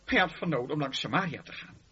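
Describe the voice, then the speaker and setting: A man preaches with a high, lively voice, swinging his pitch up and down for emphasis. His short phrases are broken by dramatic pauses. The old recording sounds dull and lo-fi. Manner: emphatic, rising and falling delivery with dramatic pauses. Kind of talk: sermon.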